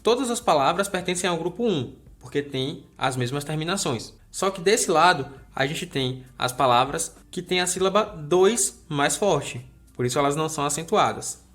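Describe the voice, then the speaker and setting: A man's voice: fairly high pitch, animated, normal speed, fairly bright tone. A man teaching a recorded grammar lesson. He explains step by step in a friendly way and checks in with the viewer often.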